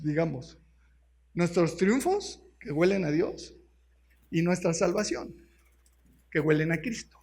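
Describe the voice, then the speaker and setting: A Mexican pastor with a notably high voice delivers a sermon. He keeps turning to the congregation with questions and walks through word meanings one by one. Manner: explains words step by step.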